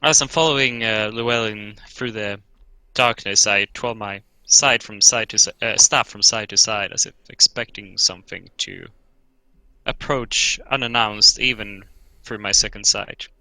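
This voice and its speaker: Sharp, gravelly man playing tabletop. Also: fairly low pitch, unhurried, dry recording, rough recording. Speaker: tabletop game player. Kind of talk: casual first-person game narration.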